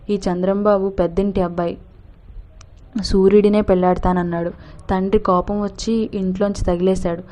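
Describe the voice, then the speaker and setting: A man's voice: high voice, darkish tone, close to an everyday voice. A woman reading as a humble old village man. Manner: humble, pleading. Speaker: father of the girl. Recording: dull lo-fi recording.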